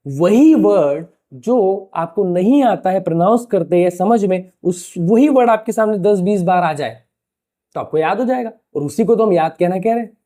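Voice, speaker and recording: A man's voice: high voice, animated, normal speed, dark tone. A man teaching a lesson in a casual, chatty way. He asks rhetorical questions and speaks to viewers like a familiar tutor. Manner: rhetorical questions, addresses listeners as "bhaiya". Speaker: English teacher. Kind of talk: casual explanatory lesson to camera.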